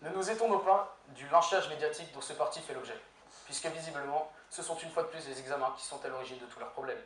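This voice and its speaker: A young man, a law student, giving a prepared humorous speech in an eloquence contest, with deadpan, ironic punchlines. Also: on the high side, fast. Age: young adult. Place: university lecture hall with audience. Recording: echoey hall, far from mic, faint noise.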